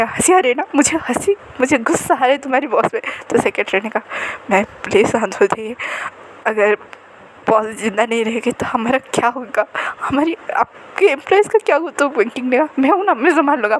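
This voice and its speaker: A woman's voice: a little high, a little hiss or hum, low-quality recording. A woman casually narrating a fan-fiction romance story in a chatty, conversational way.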